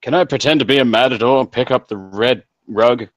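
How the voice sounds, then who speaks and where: A man's voice: mid-range voice, fairly quick, no room sound. A young man playing a tabletop game online, tossing out cheeky, teasing jokes and in-character banter. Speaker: player.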